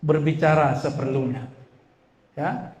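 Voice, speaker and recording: A man preaching to a congregation in a lively, conversational way, quizzing the audience with rhetorical questions and slipping in jokes. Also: fairly high pitch, slow. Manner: joking asides. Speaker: Islamic preacher. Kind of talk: lively sermon to a live congregation. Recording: echoey hall with faint background noise.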